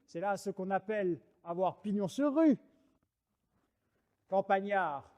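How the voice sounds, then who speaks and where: A man's voice: sits high, animated, slow pace, darkish tone. An actor playing a proud, mocking swordsman poet in a French verse monologue, declaiming like a hammy stage actor. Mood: playful grandiose. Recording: reverberant hall sound.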